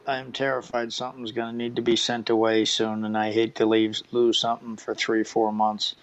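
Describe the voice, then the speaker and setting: A man's voice: fairly low pitch, monotone, a little fast, dull audio. A man co-hosting a casual chat over a video call, talkative.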